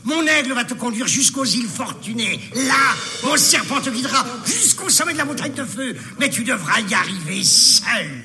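A high, piercing old prophet, declaiming with grand, swooping exclamations. He booms from a reverberant cartoon clip with music behind him. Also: lively intonation, normal speed, hardly any pauses, sharp tone, full character voice. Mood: grandiose. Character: eccentric old male prophet, theatrical and grandiose. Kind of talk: cartoon dubbing.

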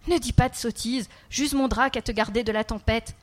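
A woman voicing a small, calm, otherworldly boy child who speaks softly. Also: on the high side, normal speed, lightly acted. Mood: gentle.

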